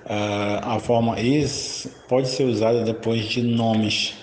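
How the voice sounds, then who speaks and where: A man's voice: mid-range voice, steady tone, slow, slight background noise. A man teaching a recorded grammar lesson, explaining step by step with frequent checking tags. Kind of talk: recorded English grammar lecture. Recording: echoey room with faint ambience.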